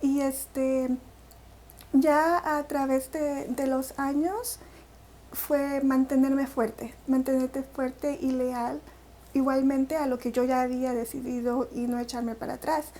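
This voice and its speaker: High-voiced Salvadoran woman recounting her story. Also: level tone, slow, mellow. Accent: Salvadoran Spanish. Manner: reflective, with many fillers and restarts. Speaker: interview guest. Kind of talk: personal story in an interview.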